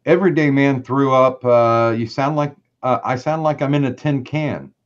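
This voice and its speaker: A man co-hosting a podcast, talking casually and hesitantly. His voice arrives over a video call with a thin, metallic, tin-can ring. The audio is dull and lo-fi throughout. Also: mid-range voice. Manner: hesitant, halting delivery. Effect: tinny, metallic-sounding voice. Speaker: podcast co-host and writer. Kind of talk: casual chat. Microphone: video call app.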